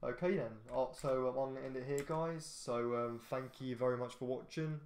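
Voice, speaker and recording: A tired man talks his way through a trucking game in a flat, even voice, restarting sentences and trailing off as he goes. His voice echoes around the room, and faint noise sits underneath it. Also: mid-range voice, normal speed. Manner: rambling, hesitant, with many restarts and filler. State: tired, yawning. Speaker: gaming YouTuber. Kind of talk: casual gameplay commentary.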